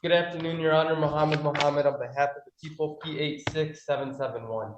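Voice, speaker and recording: A man's voice: fairly high pitch, fairly even intonation, fast talker. A man speaking as prosecutor at a court hearing, formal and matter-of-fact, heard in a courtroom recording. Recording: dull, echoey courtroom audio, distant mic, clear hiss.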